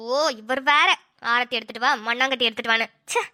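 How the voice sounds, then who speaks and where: A woman voicing a sharp-tongued young wife in a cartoon, grumbling and sarcastic. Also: very high voice, animated, brisk, heavy background noise. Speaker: cartoon voice actor. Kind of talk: cartoon voice acting.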